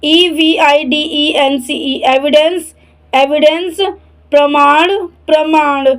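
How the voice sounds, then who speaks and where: Slow, high-voiced woman spelling words. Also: fairly even intonation, rough recording. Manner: spells each word letter by letter, then repeats it twice. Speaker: English vocabulary teacher. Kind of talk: spelling and translating word lesson.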